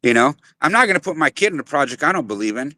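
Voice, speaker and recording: A man's voice: a little high, sing-song, racing, pushed and bright. A middle-aged man hosting a casual chat, speaking earnestly with many restarts. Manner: earnest, with frequent restarts and "you know" fillers. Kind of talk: casual chat on a live audio space.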